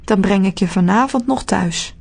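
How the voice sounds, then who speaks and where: A woman's voice: mid-range voice, moderate pace, vocal fry, a little mellow, slightly rough. A woman voicing a small, cheerful man who lives in the clouds and calls out a sing-song greeting. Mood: urgent, pleading.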